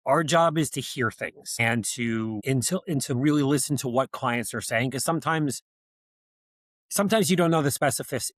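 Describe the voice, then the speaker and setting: A man's voice: medium pitch, moderate pace, no room sound, poor audio. A man with a New Jersey accent, a podcast guest who founded an accounting firm, talking in a plainspoken, direct way. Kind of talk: casual interview chat.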